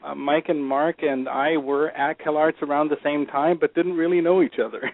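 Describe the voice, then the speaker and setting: Composer on tinny radio. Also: male voice, a little high, little pitch movement, moderate pace, no echo. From Germany. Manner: thoughtful, hesitant, many restarts. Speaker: film composer. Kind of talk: radio interview. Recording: tinny phone-like radio audio.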